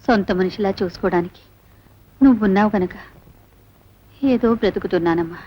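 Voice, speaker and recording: A woman's voice: a little high, fast, close to an everyday voice. An actress playing an ailing elderly mother who speaks weakly and with resignation. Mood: resigned. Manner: weak resigned lament. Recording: dull old film soundtrack.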